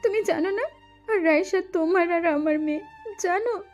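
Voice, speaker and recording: A woman playing a tearful, very high-voiced young wife. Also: steady tone, moderate pace, a little mellow, soft background music. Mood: pleading. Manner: pleading, tearful, stammering. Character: young wife, desperate and heartbroken. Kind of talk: audio story drama.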